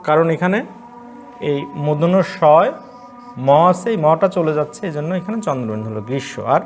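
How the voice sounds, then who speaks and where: A man from Bangladesh, a college Bangla lecturer, teaching pronunciation in an online class, repeating each word slowly and asking and answering his own questions. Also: a little high, expressive.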